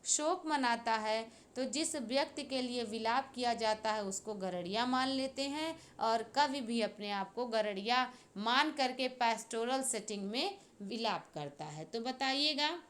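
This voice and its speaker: A woman teacher works through exam questions in an unhurried way. She goes step by step and keeps checking that her students follow. Her voice sits high. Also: fairly bright tone. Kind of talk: exam-prep literature lesson.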